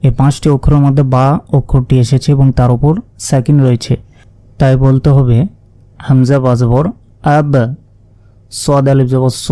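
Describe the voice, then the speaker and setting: A man teaching Quran reading, spelling out Arabic syllables patiently and chanting each word slowly. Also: medium pitch, mellow, no echo. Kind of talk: spelling out Arabic letter by letter, slow recitation lesson.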